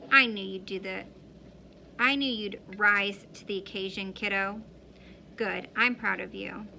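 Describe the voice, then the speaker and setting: A woman's voice: mid-range voice, steady tone, measured pace, creaky, sharp tone, slight background noise, full character voice. A woman voicing a stern but caring mother of two boys, earnest and scolding. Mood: proud.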